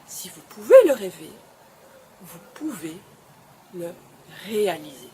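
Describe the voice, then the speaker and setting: A woman's voice: fairly low pitch, sing-song, takes it slowly, warm tone. A woman hosting her web show, speaking to camera in an encouraging, emphatic way and often repeating phrases. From Belgium. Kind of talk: motivational address to camera.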